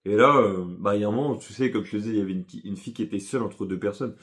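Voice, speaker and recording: A man's voice: lowish voice, rapid-fire, a bit bright. Young man rambling through a casual story. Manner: rambling, slangy, with frequent fillers and self-corrections. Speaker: vlogger.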